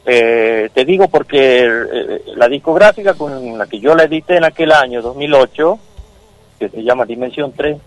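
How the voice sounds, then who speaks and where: A middle-aged man from Argentina with an Argentine Spanish accent, telling the story of his song in an animated way as a radio guest calling in by phone from outdoors. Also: medium pitch, moderate pace, dry recording, low-quality recording. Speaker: songwriter guest. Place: outdoors near a football pitch, windy.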